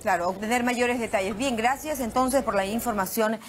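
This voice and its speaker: A woman's voice: a little high, moderate pace, slight background noise. A woman from Peru presenting the news in a TV studio, formal and composed. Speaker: news anchor.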